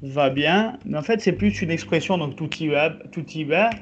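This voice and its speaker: A man teaching a group language class over a video call, explaining slowly with many pauses and fillers. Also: a little high, slight background noise. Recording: slightly muffled video call audio.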